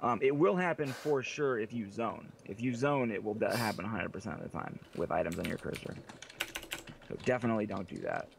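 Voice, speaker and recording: Teasing man with a gravelly voice. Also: lowish voice, fairly quick, background noise. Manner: teasing, joking; uses fillers and profanity. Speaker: podcast co-host. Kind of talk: casual podcast banter.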